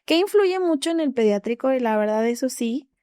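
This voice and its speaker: A woman's voice: high-pitched, lively intonation, brisk, warm tone, no echo, studio quality. A young Mexican woman retelling a hard episode, acting out the dialogue and laughing between lines. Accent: Mexican Spanish. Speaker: interview guest. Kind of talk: candid storytelling.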